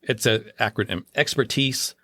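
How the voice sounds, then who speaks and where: A man's voice: medium pitch, normal speed, sharp tone, no echo. A man co-hosting a podcast, explaining things in a confident, opinionated, casual way. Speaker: podcast co-host.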